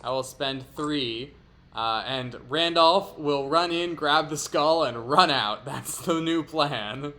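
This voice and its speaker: Guy talking through his turn, kinda high bright voice, jokey. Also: takes it slowly. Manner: playful, laughing, explaining moves. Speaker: player. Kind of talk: playing a card game aloud.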